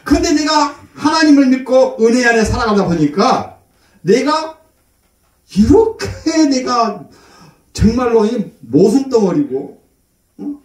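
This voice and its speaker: A middle-aged pastor with an extremely high, very animated voice preaches an unhurried sermon in a church, telling stories in a folksy way. He acts out other people's voices, including his mother's, and sounds distant in the echoey church hall.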